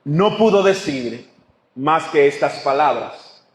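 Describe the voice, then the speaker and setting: A man's voice: fairly high pitch, expressive, slow pace. A man preaching a sermon to his congregation, emphatic and full of rhetorical questions. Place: church sanctuary. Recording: echoey church hall.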